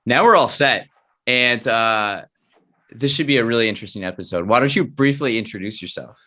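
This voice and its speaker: A man's voice: medium pitch, brisk, pushed and bright. A man hosting an interview podcast, upbeat, often restarting his questions. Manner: upbeat, stumbles over his questions, laughs easily. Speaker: podcast host.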